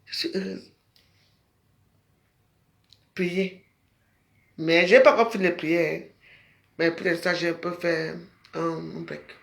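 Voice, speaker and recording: A woman's voice: fairly low pitch, steady tone, slow pace, gravelly, long pauses. A woman speaking emotionally in a street interview, with exclamations and repeated phrases, sometimes close to tears.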